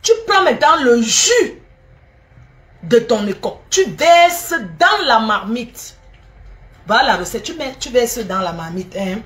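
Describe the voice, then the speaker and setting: A middle-aged woman walks through a recipe step by step in a fairly high voice. She repeats instructions over and over and teases her listeners with a scolding edge. It is a relaxed, chatty cooking demonstration. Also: a little slow. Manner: repetitive, teasing and scolding, addresses viewers directly. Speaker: cooking video host. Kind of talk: casual spoken recipe demonstration.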